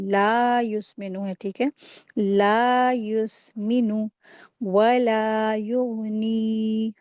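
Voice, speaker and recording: A woman teaching a recitation lesson, patiently explaining each rule and then slowly modelling the drawn-out sounds. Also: medium pitch, a little mellow, dry recording, clean studio sound. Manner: patient, repeats and corrects common mistakes. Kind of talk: tajweed lesson.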